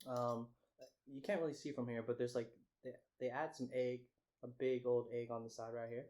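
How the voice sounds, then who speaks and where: A young man with an average-pitched voice that stays fairly flat. He chats casually like a food vlogger, stopping and restarting as he finds his words. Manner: halting, trailing off and restarting. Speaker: mukbang vlogger. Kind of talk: casual chat to camera.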